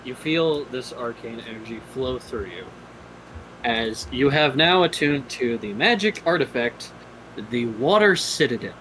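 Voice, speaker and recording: Animated man running a tabletop game. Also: mid-range voice, measured pace, a little hiss or hum, rough recording. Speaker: game master. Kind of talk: narrating a tabletop role-playing game.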